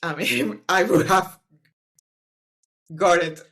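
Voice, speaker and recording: Slow and a bit bright, her lowish voice belongs to a scientist whose first language is Spanish, appearing as a podcast guest. In the easygoing book club discussion she speaks English with thoughtful hesitation and regularly trails off mid-thought.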